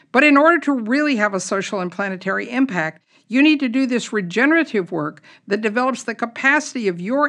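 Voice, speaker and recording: A woman's voice: mid-range voice, fairly bright tone. A woman hosting a podcast, explaining ideas step by step in an orderly, methodical way. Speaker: podcast host.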